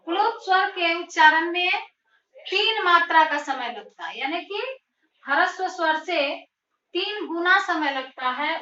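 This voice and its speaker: A woman teacher with a high, bright voice explains grammar slowly and deliberately, putting questions and then answering them. She sounds distant from the mic in a roomy space. The recording is dull and lo-fi. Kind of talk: classroom grammar lesson.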